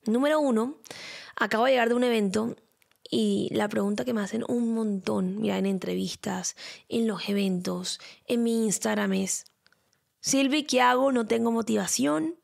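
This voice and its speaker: A young woman hosting her own podcast, chatting in an expressive way and repeating words for emphasis. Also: mid-range voice, normal speed, creaky. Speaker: podcast host. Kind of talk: casual solo podcast talk.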